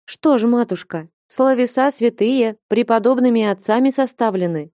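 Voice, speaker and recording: A woman reading aloud and voicing a timid elderly nun who pleads in a hushed, meek voice. Dry, close sound. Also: a little high, normal speed, no room sound, pitched above the performer's own voice, natural voice.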